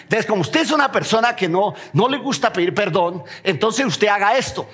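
Man, Colombian accent, pastor, sermon, high voice, rhetorical questions to the crowd, long church reverb. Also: a little fast. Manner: lively preaching, quizzing the congregation with rhetorical questions. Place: church sanctuary.

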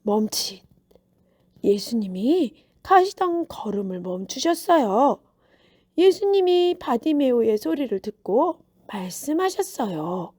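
A woman preacher telling a Bible story to young children in a gentle, sing-song storytelling way. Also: high voice, sing-song, measured pace, no room sound, studio quality.

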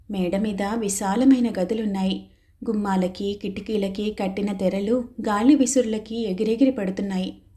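A woman narrating a novel aloud in a steady storytelling manner. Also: on the high side. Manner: steady storytelling, voicing characters' lines. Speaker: audiobook narrator.

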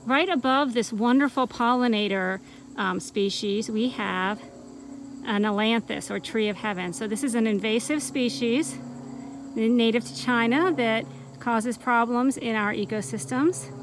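A woman's voice: fairly high pitch, measured pace, background noise. A woman, an extension forester and host, pointing out seedlings in a young forest outdoors in an informal way, close to the camera. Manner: informal, pointing out plants, asking questions. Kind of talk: outdoor field explanation.

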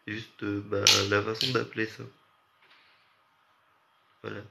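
Low-ish and a little slow, this young man from France speaks with vocal fry and an utterly flat delivery. Short on sleep, he chats straight to his late-night stream audience in a meandering, slang-heavy way, over muffled lo-fi sound carrying a light hiss.

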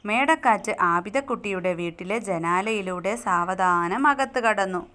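A woman's voice: medium pitch, measured pace, sharp tone. A young woman teacher, retelling a children's story and asking her pupils questions as she goes. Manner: explains and asks the listeners questions.

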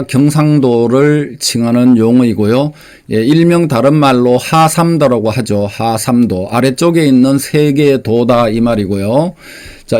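A man hosts a quiz, reading out each question and then explaining the answer step by step. His voice is plain and unpolished, and he fills his pauses with short sounds. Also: mid-range voice, a little mellow. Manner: plain, unpolished delivery with many fillers. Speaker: quiz host.

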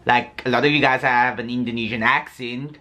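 Young dude ranting on his vlog, sassy, says like a lot, bright sharp voice. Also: mid-range voice, steady tone, a little fast. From South Africa. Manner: sassy, rambling, heavy on "like" fillers. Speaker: YouTuber. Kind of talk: casual vlog rant.

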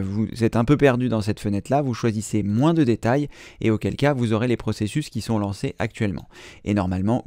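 A man in his thirties hosts a computer tutorial recorded from the screen, going step by step with patient filler words. His fairly low voice is mellow, captured in clean studio sound without room reverb.

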